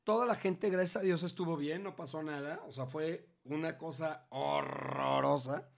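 A middle-aged man with a Mexican Spanish accent tells a story in a casual conversation. His voice sits a little higher than most men's. He speaks in an animated, slangy way and keeps restarting his sentences. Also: moderate pace, creaky. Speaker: parent telling a story to his grown child.

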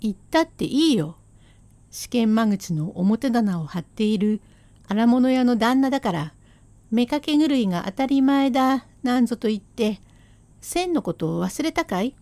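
A woman's voice: on the high side, lively intonation, moderate pace, warm tone, dry recording, lightly acted. A woman doing a sarcastic scolding Edo wife. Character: sharp-tongued hardworking Edo wife, scolding and reproachful. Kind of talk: rakugo storytelling.

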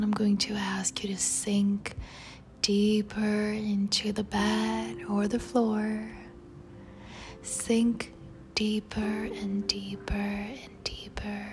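A woman guiding a meditation in a soft, breathy spa whisper, soothing and tender toward the listener. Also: medium pitch. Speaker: meditation guide. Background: music.

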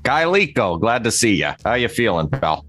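A man's voice: on the low side, very animated, moderate pace, a bit bright, no echo. A man playing a friendly, blunt adventurer in a tabletop game, talking in a breezy, rambling way. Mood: concerned, chummy. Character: friendly, blunt adventurer urging his wounded pal onward. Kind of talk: acted tabletop role-play.

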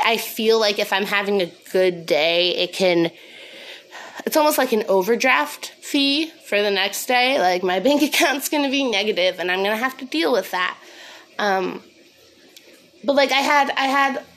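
A woman's voice: fairly high pitch, lively intonation, moderate pace, a bit bright. Candid, sweary woman rambling casually. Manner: candid, sweary, self-deprecating; snorting laugh. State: sniffly. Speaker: podcast host. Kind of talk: casual confessional solo rambling. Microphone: phone.

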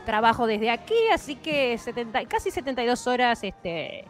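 A woman's voice: on the high side, lively intonation, normal speed, soft background music. A woman, co-hosting a casual chat, playful and agreeable, often echoing the others.

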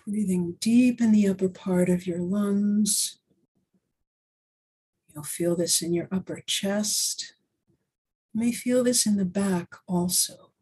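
A woman leading a guided breathing exercise, giving slow, gentle, soothing instructions. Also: medium pitch, slightly rough.

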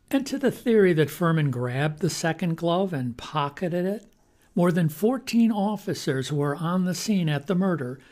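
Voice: medium pitch, darkish tone. Emphatic presenter arguing as if to a jury. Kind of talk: scripted narration quoting a mock closing argument to a jury.

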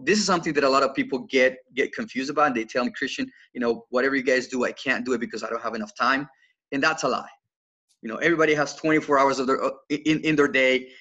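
His voice is mid-range, pushed, and bright, though the audio is dull. He's a Colombian man in his twenties, a financial coach, telling his story as a guest on a casual podcast. He speaks earnest English with a Colombian Spanish accent, often repeating words as he starts over.

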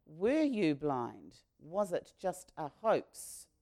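A woman's voice: deep voice, big pitch swings, very slow, warm tone, exaggerated voice. A woman voicing a group of indignant male temple leaders who fire accusing questions as she retells a Bible story.

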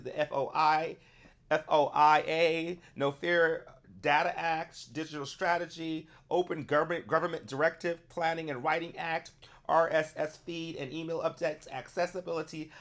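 Slightly high-voiced man, rambling casually. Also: a bit bright. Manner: rambling, thinking aloud. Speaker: vlogger checking a program. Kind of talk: casual spoken commentary.

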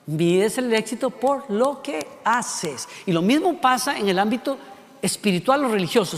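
High-voiced Costa Rican preacher in a hall. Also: male voice. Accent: Costa Rican Spanish. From Costa Rica. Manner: rhetorical questions, shifting pace and loudness for emphasis. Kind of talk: sermon.

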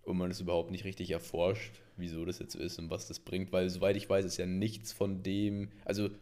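A man's voice: sits low, monotone, fairly quick, warm tone. A man co-hosting a casual podcast, musing and thinking aloud, recorded over a remote call. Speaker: podcast co-host. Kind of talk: casual chat.

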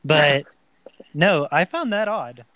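A young man co-hosting a casual podcast chat, animated and rambling with a jokey manner. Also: on the high side, slow pace, no echo, highs cut off. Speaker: podcast co-host.

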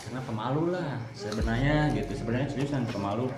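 A young man with a Sundanese accent, answering interview questions in a relaxed chat and repeating his words. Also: medium pitch, fast, echoey room, loud music behind the voice. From West Java, Indonesia.

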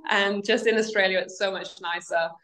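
A woman's voice: mid-range voice, fairly even intonation, moderate pace, a bit bright, rough recording. A woman, chatting as a guest on a podcast interview and laughing between remarks. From Wales. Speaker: guest equine nutrition specialist.

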